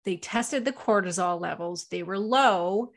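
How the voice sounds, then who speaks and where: A woman's voice: medium pitch, unhurried. A woman guest on a podcast, telling her personal story candidly and casually. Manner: candid, personal storytelling with frequent "you know". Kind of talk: casual interview talk.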